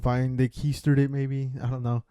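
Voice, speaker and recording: This podcast co-host chats about football in an easygoing way, cursing freely and saying "dude" to his co-host a lot. He has a smooth, mid-range voice at a moderate pace in a dry recording.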